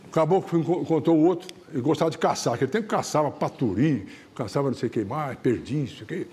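A man's voice: fairly high pitch, quick pace, a little mellow. A man hosting a show, telling folksy tales in a chatty way with frequent tag questions. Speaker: TV show host. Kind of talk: folksy storytelling.

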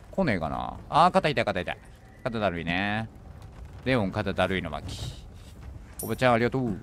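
A man streaming a horror game, thinking aloud as he plays and bursting into alarmed shouts when enemies appear. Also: mid-range voice, slight background noise. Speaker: gaming streamer. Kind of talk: horror game let's play commentary.

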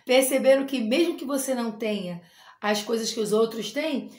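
A woman teacher, giving an animated, sing-song lesson to young children and sounding out letters slowly. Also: a little high. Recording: echoey room.

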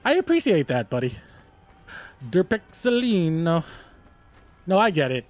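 A man's voice: on the high side, wildly swooping pitch, fast. A man casually commenting while he plays a game on a live stream, chatty, exclaiming and laughing during fights, humming bits of tunes.

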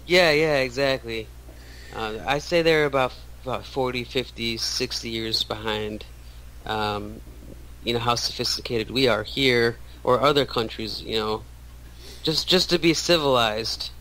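A man's voice: mid-range voice, unhurried, bright, forceful tone, a little hiss or hum, rough recording. A man in his thirties, a radio show guest, talking casually with many restarts and fillers. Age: 30s. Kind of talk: casual interview talk.

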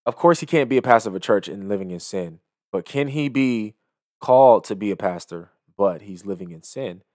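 A young man working as a video commentator sits in a small indoor home studio, headset on, offering emphatic, sermonizing reaction commentary into a close arm-mounted studio microphone. His voice is fairly low and a bit mellow, with lively intonation and a fairly quick pace, recorded dry.

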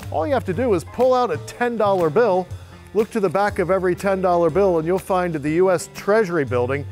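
Man, middle-aged, animated tour guide, slightly high voice, faint music underneath, outdoor lapel mic. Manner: storytelling, lively, playful asides. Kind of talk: on-camera walking tour presentation. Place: outdoors on historic city streets and alleys.

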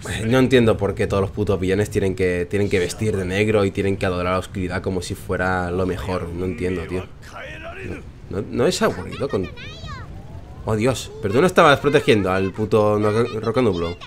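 A man's voice: deep voice, a little fast, slight background noise. Sarcastic Spanish man playing a game. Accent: Spain Spanish. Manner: joking, sarcastic, swears freely. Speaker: let's play host. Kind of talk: casual gameplay commentary.

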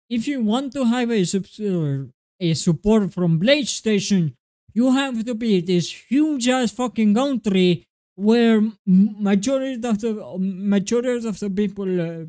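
A young man with an Estonian accent ranting to his webcam, exasperated and swearing, with halting restarts. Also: high-pitched, mellow. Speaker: gaming video creator. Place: small indoor room at a desk. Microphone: webcam close up.

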